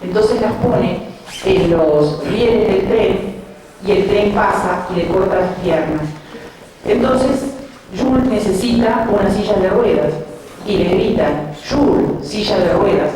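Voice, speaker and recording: A woman giving a talk, retelling children's picture books in an unhurried storytelling way with small hesitations. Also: fairly low pitch. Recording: very echoey room, distant mic, background noise.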